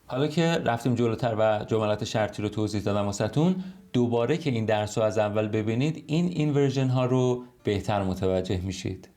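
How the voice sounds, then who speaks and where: A man teaching an online English lesson in Persian, explaining patiently and slowing right down to model English sentences. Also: mid-range voice, warm tone.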